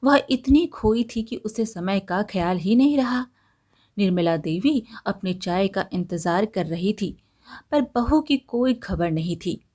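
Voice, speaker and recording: A woman narrating a scripted moral story at an unhurried pace. Her storytelling is measured and steady, with a mid-range voice. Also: mid-range voice.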